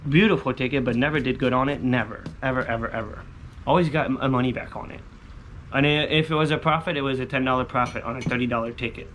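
A man's voice: mid-range voice, steady tone, fast, a bit bright. A man in his thirties chatting casually to viewers outdoors, slangy and repetitive, muttering hopefully to himself. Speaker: vlogger scratching lottery tickets. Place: outdoors on a covered poolside patio. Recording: outdoor ambient noise.

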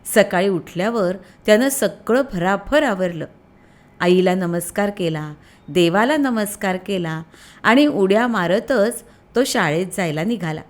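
Slow, expressive woman storyteller. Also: mid-range voice. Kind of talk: storybook narration.

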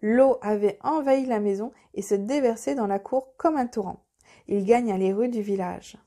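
A woman narrating a children's audiobook in a gentle, expressive way. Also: on the high side, normal speed. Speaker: storyteller.

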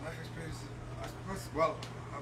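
A man's voice: fairly high pitch, fairly even intonation, brisk. A man who works as a yacht captain, talking casually and jokily about the boat and his sailing life, often repeating words. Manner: easygoing, jokey, repeats words. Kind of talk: casual interview. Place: aboard a catamaran. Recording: distant mic with background noise.

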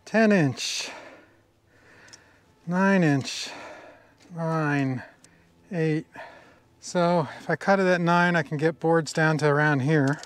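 With a slightly high, clear, resonant voice, a middle-aged sawmill operator speaks slowly with long pauses. He works outdoors in a wooded yard, musing to himself and admiring the wood in casual commentary to an action camera mounted on the mill.

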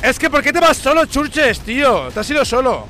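A man with a Spain Spanish accent giving excited, repetitive gameplay commentary as a streamer. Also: extremely high pitch, normal speed, music in the background. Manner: excitable, repeats himself, exclaims a lot.

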